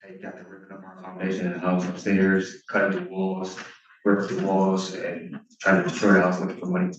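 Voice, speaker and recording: A man testifying as a witness in court, giving short, quiet answers. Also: sits low, completely flat delivery, fairly quick, distant mic. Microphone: courtroom mic away from him. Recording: dull, roomy court recording from afar.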